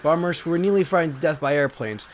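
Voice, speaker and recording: A man with a fairly high voice and quick pace narrates and hosts solemn, theatrical readings of pulp science fiction. Behind him are sound effects and ambience, plus a little background noise.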